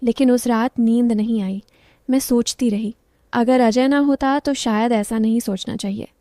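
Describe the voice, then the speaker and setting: A woman narrating a story in the first person, with a soft, low-key delivery. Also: fairly even intonation, moderate pace, dry recording, studio quality.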